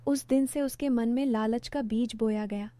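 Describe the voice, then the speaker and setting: A woman narrating a first-person story in a calm, measured, reflective way. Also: on the high side, clean tone, no echo.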